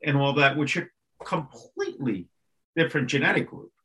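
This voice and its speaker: A man's voice: medium pitch, lively intonation, normal speed, a crowd in the background. A man co-hosting a podcast, explaining his view in a casual discussion, with hesitant restarts. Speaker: podcast co-host.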